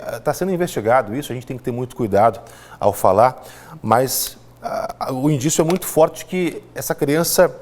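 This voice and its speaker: A man's voice: medium pitch, a little mellow. A man with a Brazilian Portuguese accent presenting a live TV newscast, speaking emphatically with frequent fillers and restarts. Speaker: news anchor.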